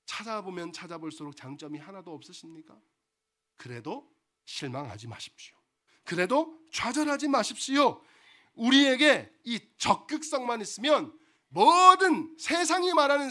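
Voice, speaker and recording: A man's voice: very high-pitched, bright, forceful tone. A man preaching a sermon as pastor, asking the congregation rhetorical questions and repeating phrases for emphasis.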